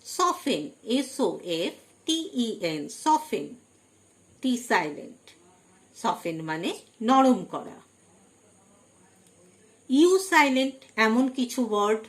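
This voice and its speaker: A woman's voice: on the high side, expressive, slow pace, long pauses. A woman teaching vocabulary, spelling each word out letter by letter and stressing each headword. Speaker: English teacher. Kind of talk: slow vocabulary lesson, spelling words letter by letter.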